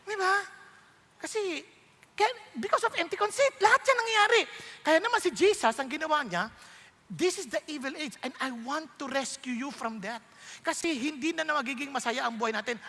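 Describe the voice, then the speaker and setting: A Filipino-accented man preaches in a bright, sharp voice that rises high and leaps around in pitch. He is animated and jokey, and he slips English lines into the sermon. The sound rings with the long reverb of a church hall. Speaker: pastor. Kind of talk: conversational sermon.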